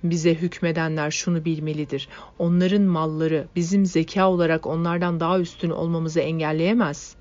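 Woman reading a soft-spoken young idealist man. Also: deep voice, flat delivery, normal speed, hardly any pauses, lo-fi sound, close to an everyday voice. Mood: earnest. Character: calm young male worker-idealist.

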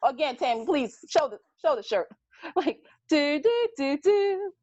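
A woman's voice: high voice, animated, measured pace, darkish tone, dry recording. A woman co-hosting a casual soap chat show, chatty and playful with giggles. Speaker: co-host. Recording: dry, slightly dull sound.

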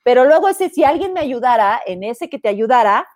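Mexican woman co-host, lively storyteller who acts out dialogue, dry close sound. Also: a little high, brisk, no room sound. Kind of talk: casual gossip chat.

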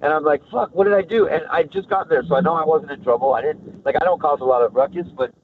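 A man's voice: a little high, fast talker. Man rambling over a tinny line. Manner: rambling, profane, animated anecdotes. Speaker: actor guest. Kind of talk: casual storytelling. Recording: tinny phone-like line, noisy.

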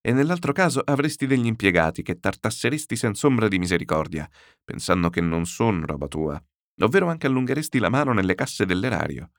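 A man doing a sly fussy gentleman. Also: fairly low pitch, very animated, brisk, dry recording, clean studio sound. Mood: scornful. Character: scheming, fussy male gentleman buyer, wary and sly.

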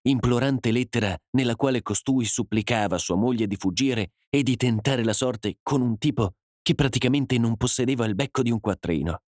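A man narrating a dramatic story as an audiobook, in a measured, dramatic way. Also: lowish voice, no echo, studio quality.

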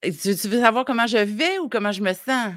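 A woman with a Quebec French accent, a parenting coach on morning radio, a bit hoarse, explaining her ideas in a reflective, step-by-step way. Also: fairly high pitch, lively intonation, brisk, fairly bright tone, no echo, clean studio sound. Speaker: parenting coach, regular guest. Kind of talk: casual radio chat.

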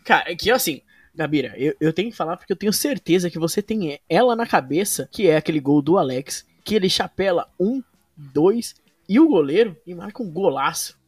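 A man's voice: high voice, expressive, a little fast, husky, no room sound, clean studio sound, recorded from a distance. A Brazilian man hosting a football podcast in casual, slangy, informal chat.

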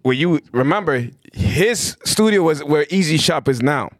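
A man in a casual chat, talking in a slangy, excitable way. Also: on the high side, normal speed, dry recording, clean studio sound.

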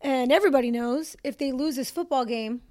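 A woman's voice: high voice, fairly quick, mellow. Hiccuping woman sports co-host. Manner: chatty, laughs, says y'all. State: has the hiccups. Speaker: podcast co-host, sports reporter. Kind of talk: casual sports podcast chat.

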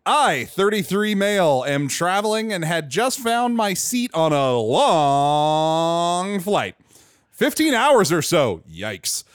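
A man co-hosting a comedy podcast, reading a listener's story aloud and shouting the quoted lines. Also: fairly high pitch, no room sound, clean studio sound.

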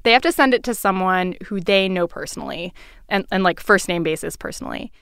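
A woman who co-hosts a podcast, talking in a relaxed, conversational way that moves between casual chat and narration, with filler words like 'like'. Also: lowish voice, a little fast, clean tone, no echo, studio quality. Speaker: podcast co-host and producer.

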